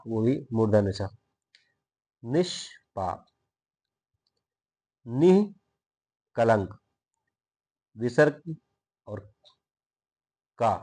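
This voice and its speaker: A man's voice: mid-range voice, warm tone. A man teaching grammar in a recorded video lesson, explaining step by step, posing questions and answering them himself, and drawing out example words to show how they are pronounced.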